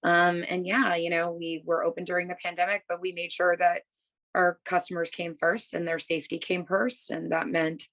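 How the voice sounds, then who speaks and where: Speaking from a room at home on a video call, a woman in her thirties who owns a bookstore in Massachusetts responds to interview questions casually and cheerfully, with lots of fillers. Her voice is lowish and fairly bright, delivered at a moderate pace with little change in pitch.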